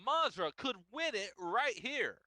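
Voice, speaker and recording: A man works as a wrestling color commentator in a high, bright voice. He is wry and dramatic, swinging his pitch around as he analyses the action. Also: sing-song, unhurried, no room sound.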